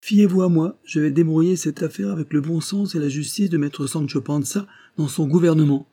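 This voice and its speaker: A man's voice: on the high side, a little fast, dark tone, pitched above the performer's own voice. A man doing a lordly jovial prince. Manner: lordly, exclamatory. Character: jovial noble prince, commanding, playing judge. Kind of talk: audiobook reading.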